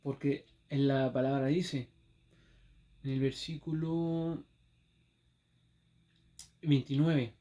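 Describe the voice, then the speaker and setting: A man's voice: medium pitch, fairly even intonation, slow pace, pauses often, warm tone. A man with a Chilean accent preaching a sermon, telling a story with acted exclamations and rhetorical questions.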